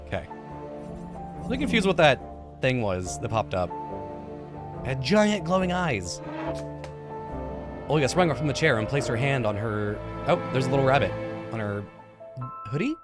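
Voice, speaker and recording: A man in his thirties hosting a let's play reads a visual novel aloud dramatically, with casual asides, stumbles and self-corrections. His mid-range voice is very animated at a normal speed with long pauses, recorded close on a desk mic with headset at an indoor gaming setup while game music plays.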